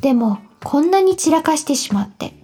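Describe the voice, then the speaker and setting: A woman's voice: high voice, expressive, normal speed, warm tone, soft background music, pitched above the performer's own voice. A woman doing a flippant young girl. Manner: offhand, flippant. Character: flippant, aloof older sister girl.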